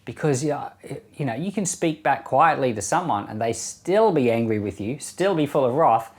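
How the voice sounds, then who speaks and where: A male pastor who reads scripture slowly, then comments in a relaxed, conversational way with frequent soft chuckles. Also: mid-range voice. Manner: reads verses slowly and deliberately.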